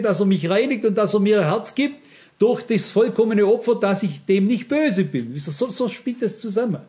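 High-voiced man preaching emphatically. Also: a little mellow. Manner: emphatic, addresses congregation directly with rhetorical questions. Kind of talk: sermon.

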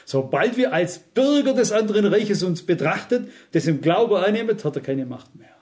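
A man's voice: high voice, expressive, normal speed, darkish tone. A male preacher giving a sermon, earnest and emphatic, often turning to the congregation with direct questions. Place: church service.

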